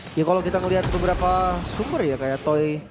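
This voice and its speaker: A man's voice: high-pitched, brisk, background noise. A man with an Indonesian accent commentating on and analysing an esports match as a caster.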